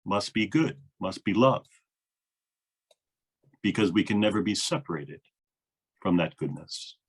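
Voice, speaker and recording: A man's voice: deep voice, animated, measured pace, husky. A man, a minister, interviewing a guest in an earnest, thoughtful way with frequent fillers. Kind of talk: reflective conversation.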